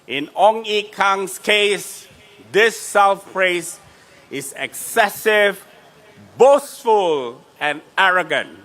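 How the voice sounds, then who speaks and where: A Singaporean man making a political rally speech in emphatic, deliberate short phrases, recorded at a noisy outdoor rally. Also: high-pitched, sing-song, fairly bright tone.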